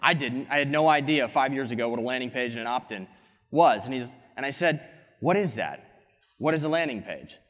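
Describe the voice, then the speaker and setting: A young man giving an energetic motivational keynote on a conference stage through a headset mic. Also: medium pitch, fairly quick. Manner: energetic, gesturing, quips at co-speaker. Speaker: keynote speaker. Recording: hall reverb from a conference stage.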